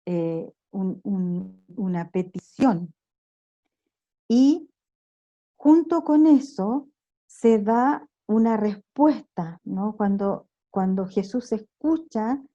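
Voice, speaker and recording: A woman leading an online prayer workshop, teaching in a slow, reflective way, with "eh" pauses and questions tossed to the group. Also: medium pitch, dark tone, lo-fi sound. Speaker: workshop leader. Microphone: online video call recording.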